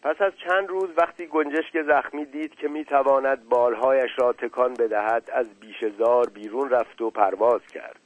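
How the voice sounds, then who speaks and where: A man narrating a children's story calmly and evenly. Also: medium pitch, few pauses, highs cut off. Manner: calm, even storytelling.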